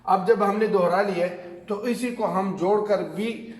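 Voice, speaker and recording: A man's voice: sits high, steady tone. A man with a Pakistani Urdu accent teaching a reading lesson at a board, drilling questions and answers with frequent filler sounds. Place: classroom with a board. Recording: echoey room with long reverb.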